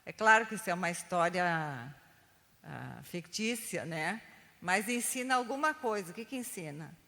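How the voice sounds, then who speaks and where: A woman's voice: mid-range voice, animated, moderate pace, gravelly, bright, forceful tone, long reverb tail. An older woman training Sunday school teachers, telling stories and checking in with her listeners often. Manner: chatty, keeps adding "né?" tags. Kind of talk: teaching a training class with storytelling.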